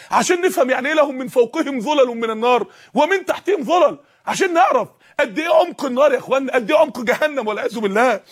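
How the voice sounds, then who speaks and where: A man preaching a sermon with an Egyptian Arabic accent, impassioned and full of rhetorical questions. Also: very high voice.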